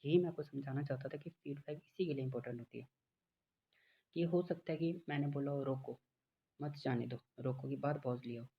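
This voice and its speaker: Man lecturing slowly with a gravelly voice. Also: medium pitch. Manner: explains slowly with many fillers, reads English lines very slowly. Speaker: teacher. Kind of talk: classroom lecture. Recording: dull lo-fi with faint background noise.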